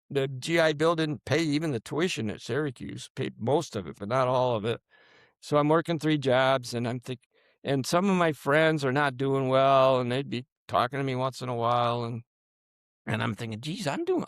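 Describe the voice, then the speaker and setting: A man in his seventies, a guest in an interview, recounting personal stories in a halting way that sinks to a near-murmur at grim moments. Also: mid-range voice, vocal fry, no echo, studio quality. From United States. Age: 70s. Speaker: guest, combat veteran.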